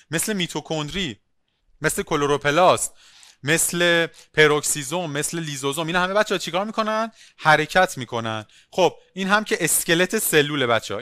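A male biology teacher giving an online class, lively, asking questions and calling on students by name. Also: fairly high pitch, no echo, studio quality.

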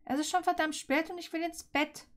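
A woman's voice: fairly even intonation, brisk. A woman playing a defiant young student girl. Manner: indignant, raised high. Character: sharp-tongued young female student, defiant.

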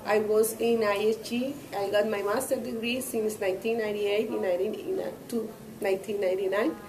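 A woman's voice: medium pitch, steady tone, brisk, darkish tone, rough recording. A woman from Colombia giving a hesitant testimonial to camera, with many fillers. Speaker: course participant. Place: indoor training room.

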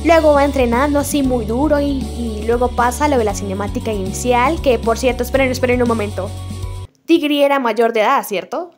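Young woman w a high voice going over a game story, chatty and playful, little music in the back. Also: a little fast. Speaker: gaming video creator. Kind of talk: casual game story recap. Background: faint background music.

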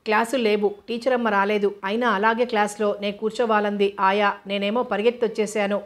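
A woman's voice: mid-range voice, level tone, fairly quick, lightly acted. A woman voicing a feisty, defiant little orphan girl in a storybook reading, cheeky and combative.

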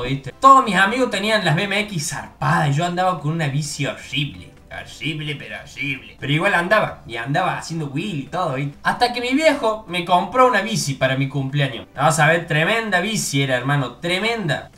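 A young man from Córdoba, Argentina, with a Córdoba accent, telling funny personal stories in a casual, animated way and acting out the voices of people he quotes. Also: on the high side. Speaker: YouTuber. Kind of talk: casual storytelling.

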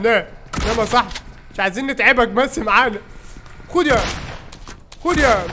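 A man with an Egyptian accent giving excited, teasing commentary while playing a game with friends. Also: extremely high pitch, noisy background. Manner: teasing, excitable, taunts opponents. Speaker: gaming streamer. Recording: gameplay audio with gunfire behind.

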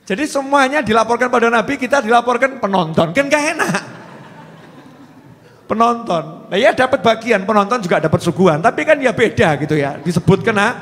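A man preaches with a Javanese accent, his voice sitting noticeably high. He jokes and teases the congregation, coaxing them to join in. His words carry a long echo through a large hall. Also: expressive, brisk, fairly bright tone. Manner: joking, teasing, coaxing the audience. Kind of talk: humorous sermon to a live congregation.

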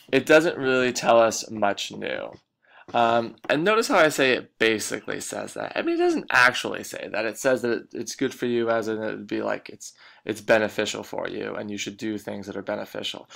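A man's voice: fairly low pitch, vocal fry, a bit bright. A man teaching a recorded lecture, explaining points and repeating the key ones.

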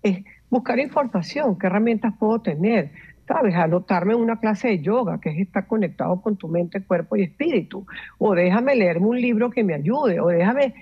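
A woman, a meditation coach explaining calmly and instructively, mixing in English words. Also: mid-range voice, moderate pace, slightly rough, lo-fi sound. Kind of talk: explanatory interview talk.

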